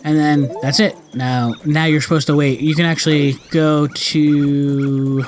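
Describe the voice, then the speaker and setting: A man with a slightly high, fairly flat voice hosts a let's-play at a measured pace, video game music running behind him. His commentary is casual and wandering, full of slang and self-corrections.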